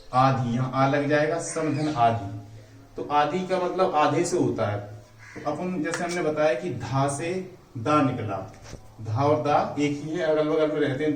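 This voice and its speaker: A man giving a patient, step-by-step spiritual language lesson, addressing his listeners as friends. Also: a little high. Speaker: teacher. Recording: echoey room, voice from far off, faint noise.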